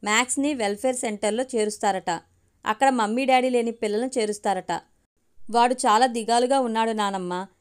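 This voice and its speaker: A woman's voice: fairly high pitch, brisk, clear, resonant tone, natural voice. A woman voicing a young boy, a tearful grandson, in a told story with a childlike, earnest manner.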